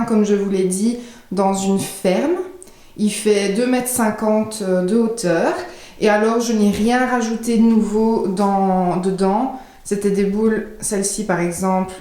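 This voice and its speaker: A woman's voice: mid-range voice, warm tone. Chatty woman in an echoey room. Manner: chatty, often searching for words while showing things. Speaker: home decor vlogger. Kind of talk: casual house tour. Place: indoors at home, walking room to room. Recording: roomy echo of a home room.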